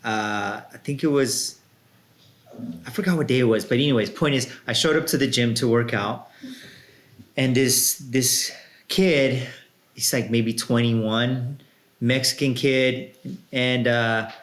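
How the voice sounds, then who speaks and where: A man's voice: mid-range voice, a little slow. A man in his late thirties hosting a casual podcast, telling stories in a laid-back way with fillers. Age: 30s. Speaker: podcast host. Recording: roomy echo.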